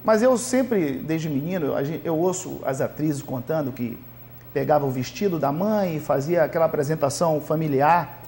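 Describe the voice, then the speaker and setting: A man from Salvador, a singer guest on a TV interview show, speaking gratefully and modestly in relaxed chat. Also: a little high, moderate pace, a little hiss or hum. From Salvador, Bahia, Brazil. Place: local TV studio.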